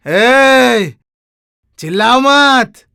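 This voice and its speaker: Slow mocking elder brother. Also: male voice, high-pitched, animated, a bit bright, no echo, clean studio sound, exaggerated voice. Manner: mocking, teasing, bossy. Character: scheming elder brother, mocking servant-loving master. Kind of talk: Hindi film drama.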